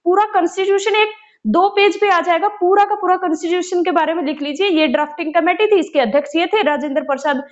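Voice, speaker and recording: A woman's voice: high voice, lo-fi sound. A woman teacher giving casual study guidance, repeating key points and answering her own questions. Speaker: exam-prep teacher.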